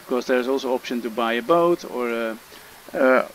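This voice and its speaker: With a medium-pitched voice and moderate pace, a man with a Dutch accent from the Netherlands guides viewers through a fishing game in a casual tutorial, hesitating and using plenty of fillers. A little hiss or hum sits under the audio.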